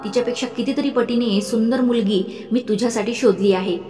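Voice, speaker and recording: A woman voicing an older mother figure who is fond but insistent, speaking slowly and coaxingly in an audiobook story. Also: on the high side, dark tone, lightly acted. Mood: firm. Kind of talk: audiobook narration. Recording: echoey room with faint music.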